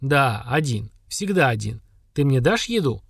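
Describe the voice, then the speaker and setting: A man voicing an ancient, simple-minded lake monster, speaking in slow, blunt, flat statements. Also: medium pitch, gravelly, husky, no room sound, clean studio sound, full character voice. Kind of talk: audiobook character voice.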